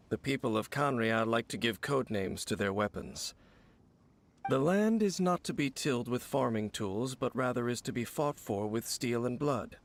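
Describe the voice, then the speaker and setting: A man voicing a solemn, weary wandering swordsman in a game cutscene, speaking in a grave, measured way. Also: mid-range voice, creaky, full character voice. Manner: grave, measured, lore-telling. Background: game music.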